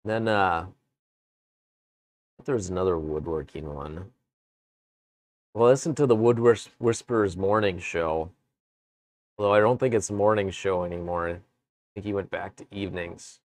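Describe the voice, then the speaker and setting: Man, low voice, relaxed rambling live-stream chat, woodworking streamer, dry close sound. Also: normal speed, long pauses, no room sound. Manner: relaxed, rambling, chats with viewers between tasks. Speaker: woodworking livestreamer. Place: home workshop.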